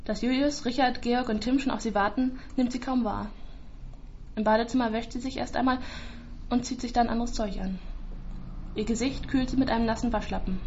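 Brief: female storyteller, calm and even, somewhat high voice, dull lo-fi audio. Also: slight background noise. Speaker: narrator. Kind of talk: scripted story narration.

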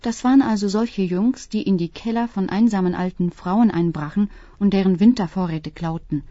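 A woman reading a literary story aloud in a calm, even storytelling voice. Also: mid-range voice, normal speed, no echo. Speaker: audiobook reader. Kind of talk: scripted literary narration. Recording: dull, dry close-mic sound.

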